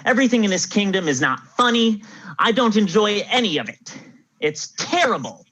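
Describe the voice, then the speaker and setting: A woman playing a grumpy, bored king who whines and complains, with a husky voice. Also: medium pitch, big pitch swings, moderate pace, fairly bright tone. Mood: sulky. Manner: whiny, sulky complaining. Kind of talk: improvised comedy acting. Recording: dull lo-fi recording.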